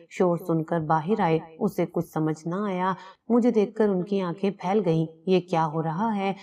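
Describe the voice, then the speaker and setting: A woman storyteller delivers scripted dramatic narration in a steady, earnest manner. Her voice sits low. The recording sounds slightly distant from the microphone.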